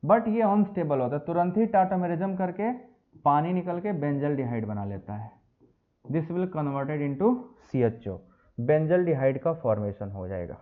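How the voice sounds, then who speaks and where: A man's voice: on the high side, measured pace. A man teaching a chemistry lecture to students, calling them beta and mixing English phrases into his explanation. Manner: lively, addresses students as beta and bachche. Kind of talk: classroom lecture. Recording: tinny phone-like audio.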